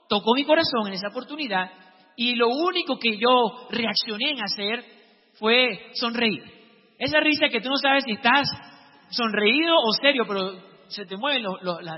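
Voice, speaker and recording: A man with a very high, husky voice tells a personal testimony with dramatic energy. The sound is dull and carries a long hall reverb. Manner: lively, dramatic storytelling with shouted quotes. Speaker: speaker sharing a testimony. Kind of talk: storytelling testimony.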